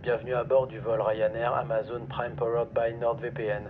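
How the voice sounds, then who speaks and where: Guy doing a fake pilot talkin over the cabin intercom, calm formal announcer voice, lots of noise behind. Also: medium pitch, moderate pace, narrow, tinny audio. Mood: deadpan formal. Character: mock airline pilot making cabin announcements. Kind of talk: parody in-flight announcement.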